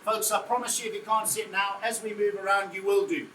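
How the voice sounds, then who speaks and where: A man's voice: sits high, fairly even intonation, fast, pushed and bright, slight background noise. A man giving a live car presentation to an audience, jovial and chatty, calling them folks and joking with the crowd. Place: showroom or event space. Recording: echoey room, voice heard from far off, faint ambience.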